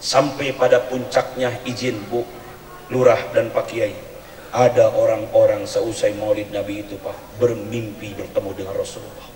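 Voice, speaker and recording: A man preaching a sermon at a community religious gathering, speaking in an animated, humorous way and chanting verses in a sing-song tone. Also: on the low side, moderate pace. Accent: Indonesian. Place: community event hall or tent. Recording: echoey hall, distant mic.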